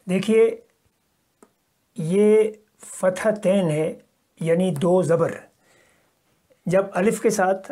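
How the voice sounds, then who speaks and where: A man's voice: high-pitched, warm tone. A man from Kashmir giving a recorded Arabic lesson, explaining step by step and repeating each example patiently. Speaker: Arabic teacher. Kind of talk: recorded language lecture.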